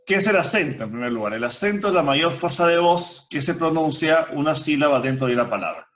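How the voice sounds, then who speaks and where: A man with a slightly high, bright, expressive voice teaches grammar online at a brisk pace, explaining each step and asking rhetorical questions. The recording is muffled video-call audio.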